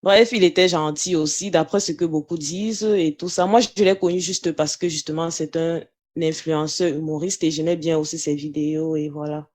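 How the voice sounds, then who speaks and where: A woman co-hosts a podcast and explains things in a measured, conversational way. Her voice sits somewhat low. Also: steady tone, darkish tone. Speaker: co-host. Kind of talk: casual chat.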